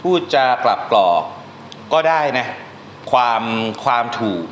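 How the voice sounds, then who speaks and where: A male translation teacher giving an informal classroom lesson, talking through examples step by step and reading English lines slowly. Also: mid-range voice, animated, roomy sound.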